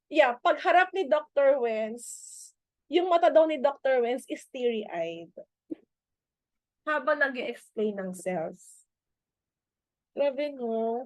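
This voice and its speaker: A woman's voice: high voice, no echo. A woman with a Filipino accent leads a motivational talk to her team over a video call, chatty and mixing Tagalog with English, often asking "di ba?". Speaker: team leader in a business meeting.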